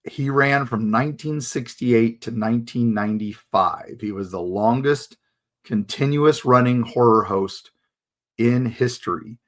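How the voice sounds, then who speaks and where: Casual American male host, 50s, mid-pitched, nostalgic and enthusiastic fan talk, unscripted feel. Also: unhurried, a bit bright. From United States. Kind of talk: casual reminiscing monologue.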